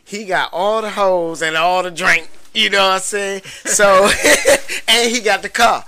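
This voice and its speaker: Bright-voiced man telling a wild story. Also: high voice, fairly even intonation, a little slow. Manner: slangy, profane, laughing storyteller. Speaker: guest. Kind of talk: animated storytelling.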